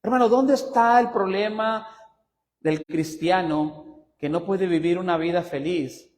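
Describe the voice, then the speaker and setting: A male pastor delivers a sermon in a high, lively voice, pitch leaping up on his questions to the congregation. His words ring out with a long church reverb around them. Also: a little slow. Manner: preaching with rising emphasis and frequent asides to the congregation; lively pitch swings, teasing humor. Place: church sanctuary.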